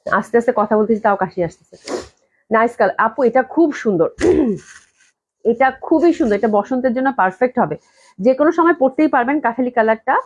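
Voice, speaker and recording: She speaks quickly and expressively in a fairly high voice, and the sound is lo-fi. The woman runs a clothing shop and is selling dresses in a live online stream from her office indoors. Still recovering from a cold, she coughs again and again while gushing and repeating her praise.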